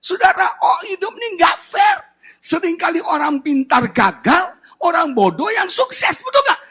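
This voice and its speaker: A man preaching a sermon as pastor, dramatic, swinging from loud shouts to hushed low tones and acting out children's whining voices. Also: very animated, a little slow. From Indonesia. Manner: acts out children's crying voices in a high whine.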